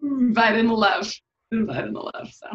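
A woman's voice: fairly high pitch, normal speed. A woman hosting a casual, heartfelt chat, talking candidly, swearing freely and saying "like" a lot. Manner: candid and profane, says "like" often. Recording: slightly dull lo-fi sound.

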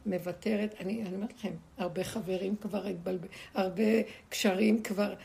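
Woman, spiritual teacher, gravelly creaky voice, emphatic and repetitive, rhetorical questions, faint background noise. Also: mid-range voice, fairly even intonation, a little mellow. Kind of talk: spiritual teaching to a small group.

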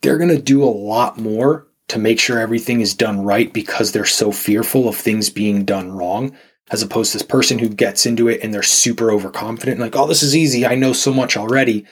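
A man's voice: on the low side, fairly even intonation, brisk, husky. A man, a nutrition coach guest on a podcast, talking casually and rambling with lots of fillers and restarts.

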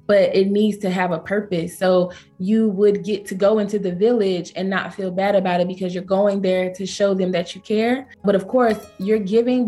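Guesting in a relaxed interview, a Southern woman from Georgia who founded a travel company shares travel stories. She keeps things lively by leaping up in pitch to voice what others said, with soft music faint in the background.

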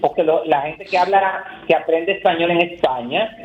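A woman's voice: fairly low pitch, normal speed, echoey room, phone-quality sound, slight background noise. A woman co-hosting a radio show, chatting casually about celebrity gossip and rambling with many fillers.

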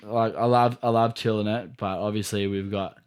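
A man's voice: on the low side, steady tone, normal speed. A man with an Australian accent telling anecdotes in casual chat, rambling, slangy and sweary. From Melbourne, Australia.

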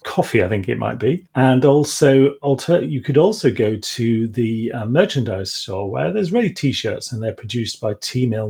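A man hosting a podcast, introducing the show and guest in a gentle, friendly way with some restarts. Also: medium pitch, breathy edge. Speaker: podcast host.

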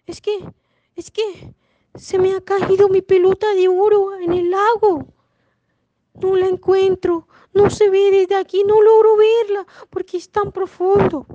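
A woman voicing a spoiled young princess from a storybook, pleading in a high wailing voice. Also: moderate pace, no room sound, lo-fi sound, natural voice. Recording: noisy home recording.

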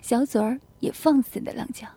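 A woman reading an erotic audio story in the first person, in a soft, hushed narrating voice. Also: a little high, normal speed, breathy edge.

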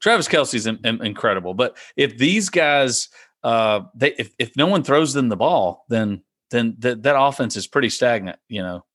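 A man's voice: medium pitch, expressive, normal speed, fairly bright tone, dry recording, studio quality. A man in casual sports talk among friends, repeating his predictions emphatically with many restarts. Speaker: podcast co-host.

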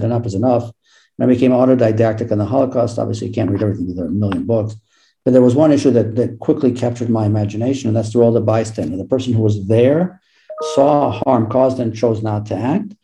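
A middle-aged American man, an author and law professor, answering interview questions with self-deprecating stories and lively quoted dialogue. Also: mid-range voice, fast talker, rough recording. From United States.

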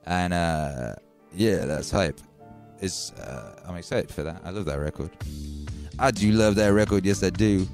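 A middle-aged man from Wales with a Welsh and Birmingham accent, hosting a live stream in a casual, excitable way, swearing and thanking viewers by name. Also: low-pitched, unhurried, soft background music.

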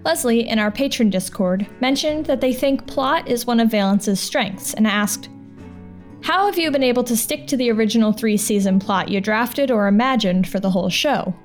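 With plucked guitar playing behind her, a woman speaks casually on her podcast at normal speed in a voice on the high side. She hosts the show and produces audio dramas, and her talk is chatty, informal and reassuring.

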